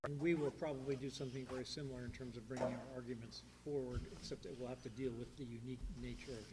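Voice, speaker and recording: A man's voice: medium pitch, steady tone, fast, heavy background noise. A man chairing a town board meeting, speaking in an informal, hesitant way with many fillers and restarts. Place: town hall meeting room.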